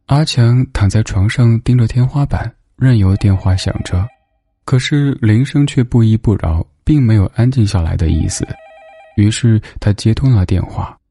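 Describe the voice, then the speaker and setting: Low, mellow male storyteller. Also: breathy edge. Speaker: narrator. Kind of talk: storybook narration.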